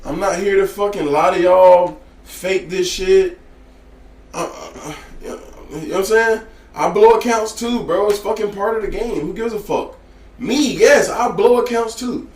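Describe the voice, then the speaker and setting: A man's voice: sits high, measured pace, a little mellow, roomy sound. A man teaching day trading in casual, profane talk, blunt and slangy, often asking if you get what he's saying. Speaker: trading educator.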